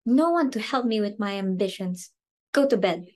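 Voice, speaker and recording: With lively intonation, a moderate pace and a natural, darkish mid-range voice, a woman takes on the role of an imperious, short-tempered, status-conscious society hostess and mother in an amateur play reading. She scolds furiously in an indignant, theatrical manner.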